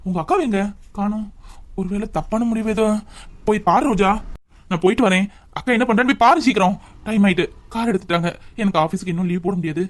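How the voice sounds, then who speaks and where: A man's voice: sits high, natural voice. A man playing an earnest young husband who urges and reassures his wife in a family drama skit. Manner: urgent, advising.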